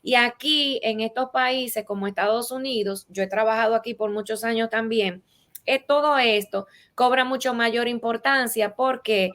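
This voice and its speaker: Speaking at normal speed in a fairly high, slightly bright voice, this woman with a Latin American Spanish accent is an interview's expert guest. She teaches the rules in a didactic way, backing them with practical examples.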